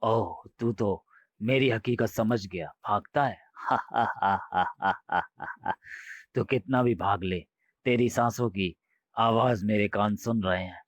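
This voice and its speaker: A man voicing an eerie unblinking male stranger who kills, in a horror comic audio drama. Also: dry recording. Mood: menacing. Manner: low, slow, menacing. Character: eerie unblinking male stranger, grieving widower turned killer. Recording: dry, slightly dull recording.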